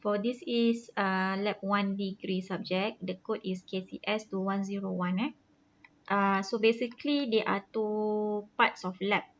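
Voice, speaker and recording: A woman lecturer with a Malaysian accent gives an online course briefing, heard through a screen recording of the video call. She talks haltingly, with many fillers and "lah" tags. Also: mid-range voice, steady tone. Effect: screen-recorded online class audio. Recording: muffled screen-recorded call with faint hiss.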